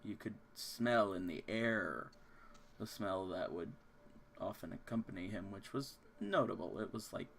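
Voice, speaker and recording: A man narrating a tabletop game as game master, setting scenes slowly and descriptively. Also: lowish voice, vocal fry, a bit bright, slight background noise.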